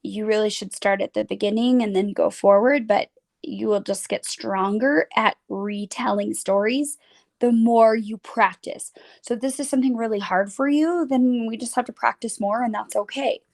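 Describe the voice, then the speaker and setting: A woman's voice: a little high, normal speed, vocal fry. A young woman teaching a children's phonics lesson, chatting casually and saying "like" a lot as she draws. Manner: casual, chatty, says "like" often while drawing.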